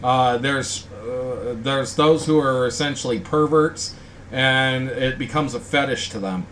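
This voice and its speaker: A man hosts an informal talk with a blunt, indignant edge. He rambles at a mid pitch. A faint background hum sits behind him. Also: measured pace, a bit bright. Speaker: host. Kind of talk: casual ranting chat.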